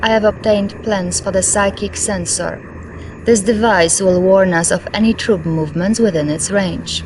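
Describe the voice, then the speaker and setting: In a game cutscene, a female performer plays a Soviet intelligence lieutenant, loyal and composed, delivering a dutiful briefing in a Russian accent with a satisfied mood. The acting is light, her pitch medium and pace moderate, over a noisy background.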